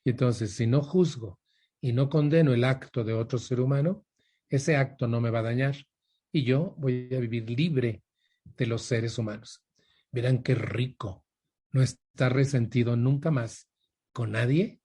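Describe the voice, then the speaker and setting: A man's voice: medium pitch, unhurried, mellow, husky. An older man with a Mexican Spanish accent giving an emphatic motivational talk, repeating his points and asking the audience questions. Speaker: speaker for a women's support group.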